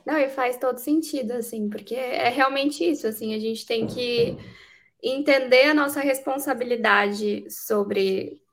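A woman's voice: a little high, unhurried. Brazilian woman hosting a chatty podcast. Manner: agreeing, sums up with many fillers like "né" and "assim". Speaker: podcast host. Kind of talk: casual podcast chat.

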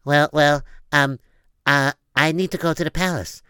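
A man plays a young woman who halts and fumbles for words, in a bright, clear voice. The delivery is full of fillers and restarts. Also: fairly high pitch, steady tone, no room sound, studio quality, pitched below the performer's own voice. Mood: earnest. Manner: halting, many fillers. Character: hesitant young woman hiding her identity.

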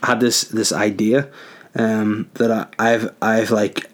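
A man's voice: on the low side, level tone, slow. A young man, hosting a solo podcast from his garage in a rambling, crude, jokey way. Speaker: podcast host.

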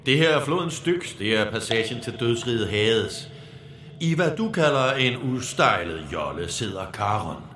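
A man's voice: medium pitch, very animated, fairly bright tone. An actor playing a solemn male herald of death, announcing in a pompous, theatrical way. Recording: echoey room with faint noise.

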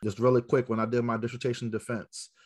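An American educator from South Central Los Angeles, a podcast guest, tells stories emphatically to a live audience and throws rhetorical questions straight at listeners. His mid-range voice is darkish and flat in delivery, and he talks fast.

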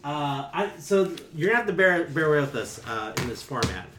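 A man's voice: on the high side, expressive, moderate pace, fairly bright tone, echoey room, slight background noise. A man co-hosting a podcast in casual chat, laughing often and hesitating with fillers. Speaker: podcast co-host.

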